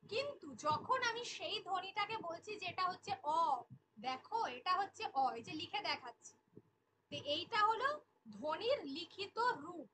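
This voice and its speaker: High-voiced woman teaching, repeating definitions. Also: animated, normal speed, sharp tone, a little hiss or hum, poor audio. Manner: repeats key definitions, asks questions to the class. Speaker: Bengali teacher. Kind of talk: online exam-prep class.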